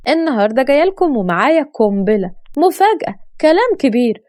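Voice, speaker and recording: Animated Egyptian woman narrating a story. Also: high-pitched, fast talker, dry recording, clean studio sound. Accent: Egyptian Arabic. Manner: animated, emphatic. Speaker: storyteller and channel host.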